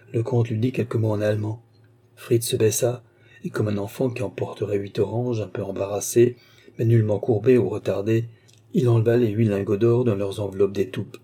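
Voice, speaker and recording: A man narrating a classic novel as an audiobook in a measured, even way. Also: fairly low pitch, husky.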